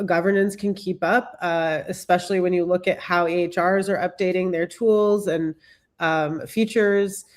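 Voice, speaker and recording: A woman who is a bit sick and congested, giving a presentation as a guest expert, with many fillers and restarts. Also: mid-range voice. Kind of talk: presentation talk.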